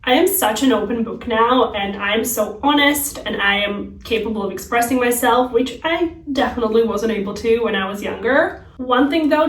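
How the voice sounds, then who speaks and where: A young adult woman from Slovakia, a native Slovak speaker with a Slovak accent, chats casually and earnestly with viewers as a lifestyle vlogger. Her voice is on the high side, and the recording is roomy, from a distant microphone.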